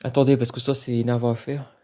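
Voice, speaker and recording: A man talks casually into a handheld phone as he explores outdoors. His voice is dark and mellow, and he thinks aloud with frequent hesitations. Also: mid-range voice, flat delivery, fast talker. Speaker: urban explorer live-streaming. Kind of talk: live-stream exploration commentary. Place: outdoors at an abandoned industrial site.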